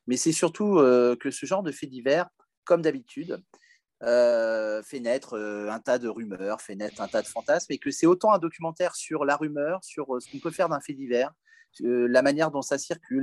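A man's voice: mid-range voice, moderate pace, darkish tone, no room sound. A man reviewing a documentary in a casual chat, hesitant with many fillers.

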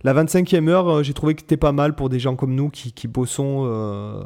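A man's voice: mid-range voice, fairly even intonation, normal speed, a little mellow. A man hosting a podcast in casual chat, rambling and hesitant, often repeating words as he goes. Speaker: podcast host.

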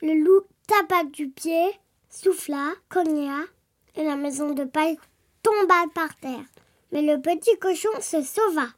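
A woman reading a children's fairy tale aloud in an expressive, lively storytelling manner. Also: extremely high pitch.

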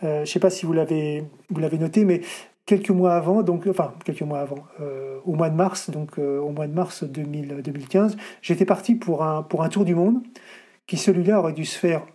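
A middle-aged man talks fast as an interview guest, his voice husky and dark. He stumbles through fillers and restarts, circling back to finish his thoughts. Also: fairly high pitch, fairly even intonation. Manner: hesitant, many fillers and restarts. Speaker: ultra-distance runner guest. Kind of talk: interview answers.

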